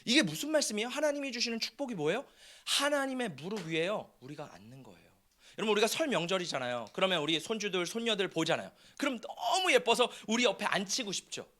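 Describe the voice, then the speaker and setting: Male pastor preaching, bright and high-pitched, animated and questioning. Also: fast talker. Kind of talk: sermon.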